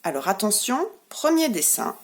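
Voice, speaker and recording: A French-accented preschool teacher, her voice medium-pitched with big pitch swings, teaches young children remotely at a normal speed. She's gentle and clearly articulates each word while guiding them in clapping out syllables.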